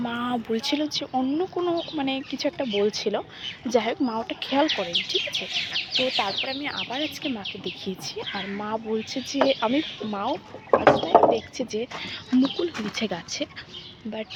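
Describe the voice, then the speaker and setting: Young woman, vlogger, slightly high voice, chatty, outdoor phone audio, background noise, birdsong. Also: fairly quick. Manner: chatty, addresses viewers directly, often asks if they can see. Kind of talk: casual vlog talk to viewers. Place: outdoors in a garden.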